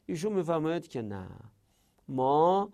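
A man's voice: fairly high pitch, very animated, warm tone. A man teaching a grammar lesson, repeating word forms and arguing with imagined students. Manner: explains with rhetorical back-and-forth, repeats word forms.

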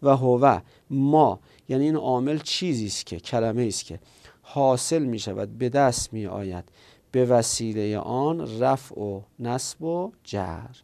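Gravelly-voiced guy teaching grammar, asks himself questions n answers them, step by step. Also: mid-range voice, mellow. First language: Persian. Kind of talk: explanatory lesson.

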